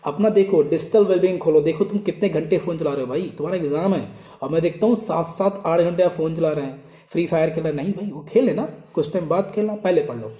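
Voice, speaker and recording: Young male coaching teacher, brisk and scolding, higher voice with a mellow tone, recorded in an echoey room. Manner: informal, scolding and urging, repeats advice. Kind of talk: motivational study advice to students.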